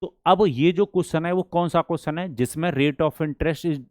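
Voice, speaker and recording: A man teaching a maths lesson for exam prep. He asks the class questions and answers them himself, and he reads problems slowly and deliberately. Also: a little high, darkish tone, no echo, studio quality.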